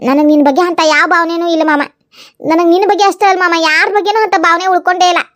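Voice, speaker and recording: Woman voicing a very high kind village girl. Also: fairly even intonation, fast talker, a bit bright. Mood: earnest. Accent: North Karnataka Kannada. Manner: consoling, pleading. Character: kind young village woman, gentle and earnest. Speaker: cartoon voice actor. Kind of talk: cartoon comedy voice acting.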